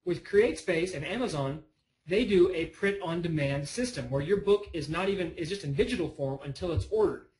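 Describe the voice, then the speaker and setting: A man's voice: on the high side, expressive, a little fast, a little mellow, poor audio. A man presenting a casual online lesson, chatty and rambling, often breaking off on side notes. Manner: rambling, chatty, self-interrupting.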